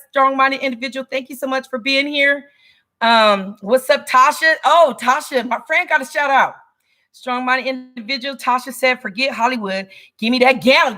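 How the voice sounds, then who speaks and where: Bright high-voiced excitable woman. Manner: excitable, hype-building, chatty; greets viewers by name. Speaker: livestream host selling wellness coffee. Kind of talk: casual livestream chat.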